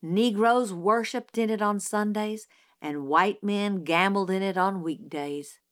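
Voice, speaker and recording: A woman reading a novel aloud as an audiobook narrator, in measured, unhurried storytelling. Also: medium pitch.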